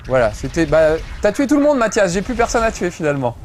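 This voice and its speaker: A man's voice: high-pitched, sing-song, fast talker, slight background noise. Chatty, joking male game commentator. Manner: chatty, joking, swears casually. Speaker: host playing a video game. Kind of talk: gameplay commentary.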